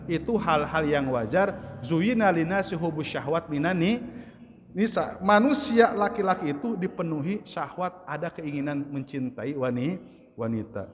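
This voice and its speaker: A man's voice: lively intonation, moderate pace, slight background noise. A man giving a casual Islamic study lecture in a mosque, telling stories and mimicking the people he quotes. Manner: storytelling, acts out voices of questioners with high pitch. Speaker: Islamic religious teacher. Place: mosque hall. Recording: long hall reverb.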